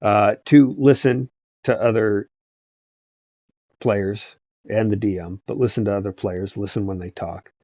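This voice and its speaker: A man's voice: fairly low pitch, steady tone, measured pace, long pauses, mellow, no room sound. A man who runs tabletop games, giving meandering casual advice with many hesitations and restarts. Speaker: tabletop game master and video host. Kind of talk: casual rambling advice talk. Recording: dull lo-fi sound with faint background music.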